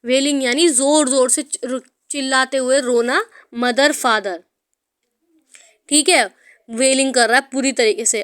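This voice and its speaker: A woman teacher explaining a story to her students, mixing in English words and calling them "beta". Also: high voice.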